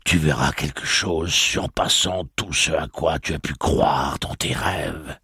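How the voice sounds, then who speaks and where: A man's voice: rumbling low, fairly even intonation, unhurried, sharp tone, husky, dry recording, studio quality, full character voice. A man playing a hardened, stern gunslinger who speaks harshly and solemnly.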